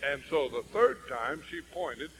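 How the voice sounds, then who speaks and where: Evangelist guy telling a funny folksy story, kinda high voice, bit of hiss behind. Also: unhurried, low-quality recording. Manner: folksy and humorous, animated. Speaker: traveling evangelist. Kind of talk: storytelling sermon.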